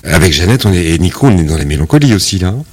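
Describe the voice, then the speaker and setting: A male radio host in a studio interview, asking his guest questions in a measured, courteous way. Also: deep voice, sing-song, a little mellow, a little hiss or hum.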